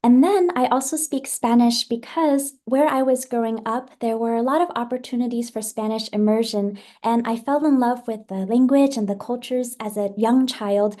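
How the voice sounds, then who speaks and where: Mellow-voiced American woman guest. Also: fairly high pitch, normal speed, hardly any pauses. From United States, Washington D.C. area. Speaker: guest, literacy specialist. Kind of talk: interview answers.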